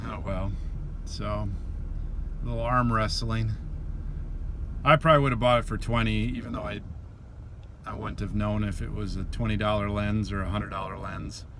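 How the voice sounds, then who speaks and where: A vlogger and reseller with an American Midwestern accent rambles casually and offhandedly, mumbling a little, in a lowish voice with little pitch movement, a moderate pace, and frequent pauses. Background noise is present.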